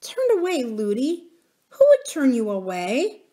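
A woman voicing an earnest, polite little princess in a storybook, childlike and gently insistent. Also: high voice, wildly swooping pitch, a little slow, pitched above the performer's own voice, heavily acted.

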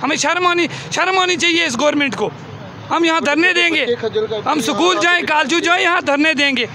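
A man's voice: very high-pitched, moderate pace, pushed and bright. A young man giving an impassioned, pleading protest speech to a reporter outdoors, repeating himself for emphasis, with a crowd and traffic around him. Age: young adult. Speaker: protest spokesman. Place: outdoor protest tent by a busy road. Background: crowd and passing traffic.

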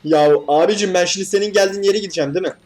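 A man's voice: high voice, rapid-fire, background noise. A young man commentating a horror game as he plays, swearing and yelping at scares, then laughing them off. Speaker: gaming YouTuber.

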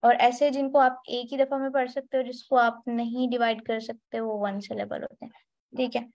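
Woman, high voice, patient step-by-step English tutor on an online class. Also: little pitch movement, normal speed, gravelly, a little mellow, muffled recording. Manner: explains step by step, spells out letters, mixes in English terms. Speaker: English teacher.

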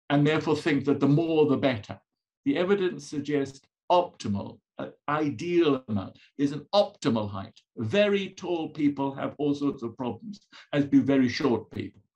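A man with a colonial accent from Africa gives a conversational lecture at a medium pitch. He is emphatic, posing rhetorical questions and restating his points in short phrases. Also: a little mellow. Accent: colonial, from an upbringing in Africa. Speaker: psychologist lecturing at a conference. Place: indoors, video call presentation with slides.

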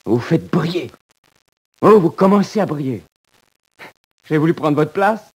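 An intense, jealous young convict. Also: male voice, fairly high pitch, lively intonation, a little slow, darkish tone, husky. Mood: desperate. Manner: intense, moves from gloating to desperate pleading. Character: young male prisoner, jealous and violent. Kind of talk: 1940s radio drama acting.

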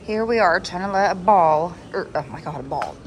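A young vlogger mom chats casually with her kids, laughing a lot while holding her phone camera at arm's length, moving through a car, a parking lot and a mall play area. Her fairly low voice has lively intonation and a moderate pace; the highs are cut off and there's slight background noise.

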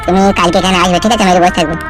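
A woman voicing a blunt, scheming middle-aged man in a comic cartoon, with a lowered, gruff voice. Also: fairly even intonation, very fast, natural voice. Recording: background music.

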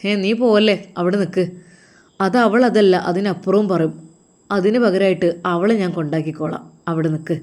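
A woman's voice: lowish voice, steady tone, fairly quick, a little mellow, close to an everyday voice. A woman voicing a domineering husband who talks in a commanding, bossy way, with a Malabar Malayalam accent. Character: domineering cruel husband, adult man.

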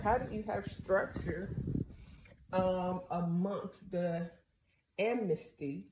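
A woman's voice: on the low side, slight background noise. A woman podcast host giving a casual, rambling monologue, blunt and profane, sleepy and yawning.

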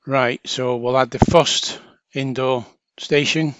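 Here the same kind of casual tutorial unfolds: a man with a mid-pitched voice guides viewers through a software setup step by step, chatty and informal. He keeps a steady tone and takes it slowly, and the audio is dry with no room sound.

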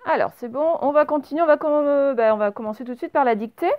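A woman teaching young children a spelling and dictation lesson, speaking slowly and patiently and spelling words out letter by letter. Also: high voice. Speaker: primary school teacher. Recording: slightly dull, lo-fi home recording.

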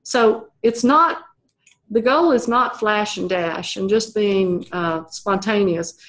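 A middle-aged woman talking through an interview in a thoughtful way, with many fillers and restarts. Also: medium pitch. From United States. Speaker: program evaluation professor, interview guest. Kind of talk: conversational interview.

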